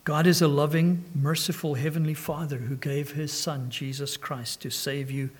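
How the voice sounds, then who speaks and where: A middle-aged man preaching a sermon, telling a story dramatically and swinging from urgent declarations to hushed, quiet lines. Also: fairly high pitch, slightly rough.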